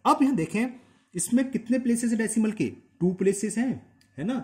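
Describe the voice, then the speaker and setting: A man's voice: high voice, expressive, fairly quick. A man working through textbook maths exercises aloud as a teacher, counting decimal places and checking in with his students.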